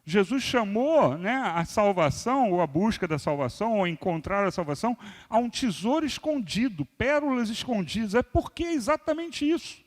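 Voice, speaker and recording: A man in his sixties preaching a sermon as pastor, moving between loud emphasis and quiet asides. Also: high-pitched, very animated, moderate pace. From Brazil. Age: 60s. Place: church hall. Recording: long reverb of a large church hall.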